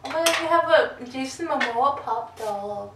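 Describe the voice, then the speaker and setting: A woman's voice: high voice, lively intonation, moderate pace. A young woman co-hosting a casual vlog, often mumbling and swearing, mocking herself. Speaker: vlog co-host. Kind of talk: casual tipsy chat. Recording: echoey room, camera mic from a distance, faint noise.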